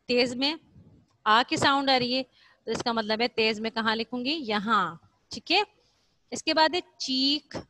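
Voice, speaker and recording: In a recorded online class, a woman teacher with a fairly high, pushed, bright voice patiently teaches young children, repeating points, answering her own questions, and dropping in English words. There's no echo on the recording.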